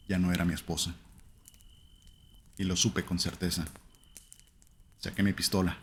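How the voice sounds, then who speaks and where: Deep-voiced man narrating a horror tale. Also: slight background noise. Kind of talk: first-person horror narration.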